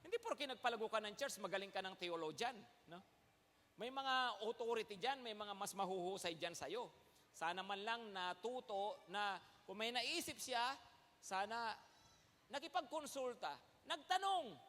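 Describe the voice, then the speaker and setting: A man's voice: high voice, lively intonation, moderate pace, bright, forceful tone. A man preaching a sermon as pastor, emphatic, calling out "Amen?" to the congregation and switching between Tagalog and English. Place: large church hall. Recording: long hall reverb.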